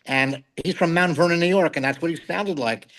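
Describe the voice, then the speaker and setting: A middle-aged man with a slightly higher-pitched voice reviews films with blunt, animated opinions. He talks like a comedy writer in a relaxed chat and does not hold back. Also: brisk, rough recording. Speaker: guest film critic, comedy writer. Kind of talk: casual film review chat.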